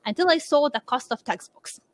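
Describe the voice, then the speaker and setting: A Lithuanian research scientist in her forties answers interview questions thoughtfully and hesitantly, with many fillers. Her voice is high and expressive, and she speaks a little fast.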